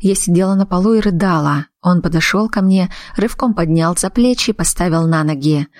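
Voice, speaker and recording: A woman narrating an audiobook in the first person with an even, measured reading. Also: lowish voice, no echo, clean studio sound. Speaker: audiobook reader.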